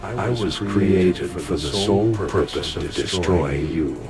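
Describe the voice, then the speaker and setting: A man voicing a cold, menacing male robot villain that speaks in slow, flat machine announcements as it boots up. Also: low-pitched. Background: loud music.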